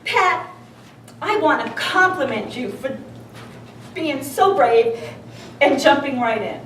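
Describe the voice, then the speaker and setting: A man's voice: extremely high pitch, lively intonation, takes it slowly, fairly bright tone, heavily acted. A woman doing a blunt, stern male evaluator. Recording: echoey room from a distance, audience noise.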